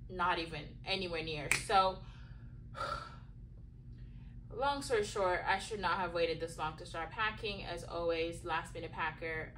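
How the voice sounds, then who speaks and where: A woman's voice: fairly low pitch, distant mic, noisy background. A young woman talking to her camera in a casual vlog, tired and rambling, with lots of fillers and restarts. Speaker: vlogger.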